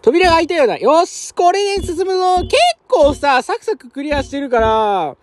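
A man's voice: extremely high pitch, expressive, moderate pace, slight background noise. Young man chatting over a horror game. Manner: rough casual speech, talks to himself and viewers, chuckles. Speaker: game streamer. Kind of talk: let's play commentary. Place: apartment room at night, keeping his voice down.

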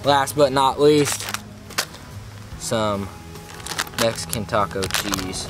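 A man's voice: medium pitch, slow pace, poor audio. A man, giving a folksy, laid-back cooking demo to the camera on a riverbank. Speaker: host. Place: outdoors on a gravel riverbank. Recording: music playing under the voice. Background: background music.

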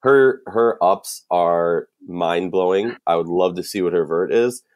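A man with a Minnesotan accent co-hosts a casual sports podcast, thinking aloud through many restarts and fillers. His voice is low and a little slow.

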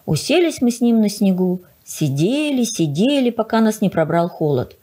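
Husky woman reading a storybook. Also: medium pitch, normal speed. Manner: expressive storytelling. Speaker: library reader. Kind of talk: children's story read aloud.

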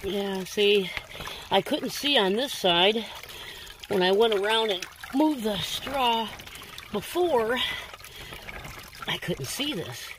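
A woman's voice: mid-range voice, animated, slow, long pauses, background noise. A woman who runs a koi farm, talking casually outdoors by a pond, gushing and cooing to her fish as she works.

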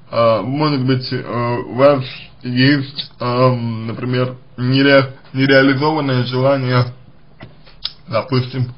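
A man answering a listener's question as a psychologist, speaking slowly and haltingly with many hesitations and restarts. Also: mid-range voice, highs cut off. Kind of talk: recorded advice monologue.

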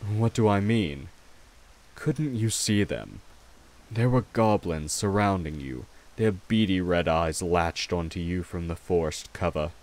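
Teasing but concerned, a deep-voiced man performs an ASMR roleplay as a courtly vampire king who protects the listener. He's gentle and wry, reassuring them in formal speech and never rushing.

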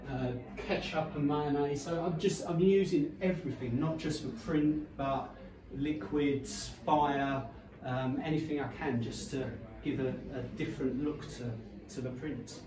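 A man's voice: a little high, steady tone, a little slow, a crowd in the background. A man talking loosely about his photos at an exhibition, with fillers. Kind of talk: informal gallery talk. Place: small gallery room with photos on the walls. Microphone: far camera. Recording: echoey room, distant mic, people around.

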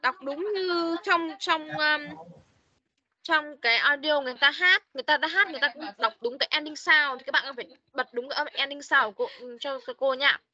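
A woman teaching an online English class over a video call, coaching and correcting her pupils quickly. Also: high voice, pushed and bright. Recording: dull online meeting audio.

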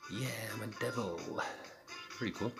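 A man's voice: on the low side, moderate pace. A young man rambling casually and profanely to his camera while trying out filters. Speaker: vlogger. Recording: loud music in the background.

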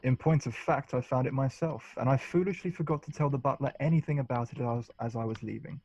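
A man acting a wry, righteous Victorian lord in a radio play, speaking in a measured, cutting, formal way. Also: medium pitch, darkish tone, highs cut off, a little hiss or hum, natural voice. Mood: measured, probing.

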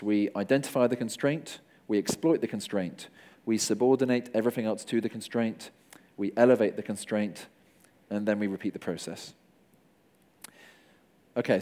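On stage at a conference, a middle-aged man with a mid-range, dark-toned voice gives a conversational talk. He's wry and jokes with the audience.

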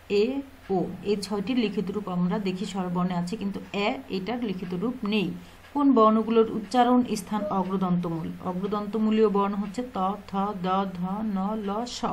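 A woman's voice: medium pitch, poor audio. A woman with a Bangladeshi Bengali accent teaching an exam-prep lesson, asking questions and answering them herself, repeating key points.

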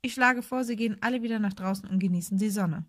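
A woman's voice: mid-range voice, fast, dry recording, clean studio sound, lightly acted. A woman voicing a stern, cool older female professor who talks in a clipped, brusque way.

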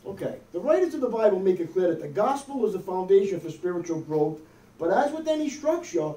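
Here the same kind of speaker, a middle-aged male pastor from the United States, talks conversationally from the pulpit and often checks in with "okay?" and "amen?". His high voice swings widely in pitch, moves fairly quickly and sounds warm. The recording comes from a far camera with no visible mic, in an echoey, wood-paneled small church hall.

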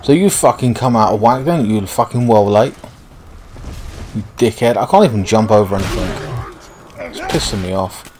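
A man hosting a casual game playthrough in a slightly low voice. He rambles and grumbles, swearing freely as he talks. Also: lively intonation, moderate pace, pauses often, a little mellow. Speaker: gaming video host.

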